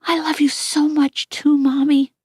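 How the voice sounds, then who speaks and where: A woman voicing a gentle, tearful young boy who asks soft, pleading questions in a husky voice. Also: sits high, flat delivery, unhurried, no echo, studio quality, voice pushed up. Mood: wondering.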